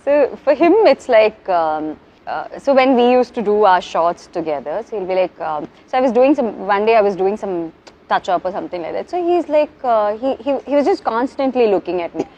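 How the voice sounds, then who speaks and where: A woman's voice: mid-range voice, animated, fast, darkish tone, a little hiss or hum. A woman guest in a casual interview, chatty and laughing, who acts out quotes of what others said. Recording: slightly dull lo-fi sound.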